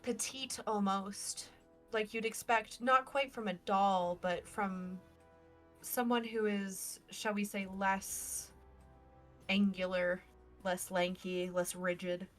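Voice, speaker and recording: A woman narrating a tabletop role-playing game as game master, in halting, suspenseful storytelling. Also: mid-range voice, fairly even intonation, fairly bright tone. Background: faint music.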